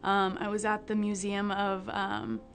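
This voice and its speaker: A Mexican woman in her twenties gives an earnest, heartfelt testimony to camera for a documentary interview, with small restarts. Her mid-range, creaky voice is unhurried and completely flat in delivery, and soft music plays in the background.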